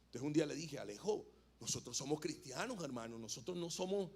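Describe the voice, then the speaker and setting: A man with a fairly high-pitched voice delivers a sermon in a church. He speaks conversationally, joking with the congregation and asking them questions. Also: lively intonation, brisk, darkish tone, breathy edge. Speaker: pastor. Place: church hall.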